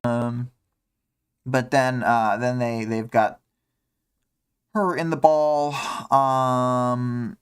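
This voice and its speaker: A man's voice: mid-range voice, clean tone. A man hosting a casual livestream, talking through a story chapter and thinking aloud with many fillers and restarts. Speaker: livestream host discussing a web serial.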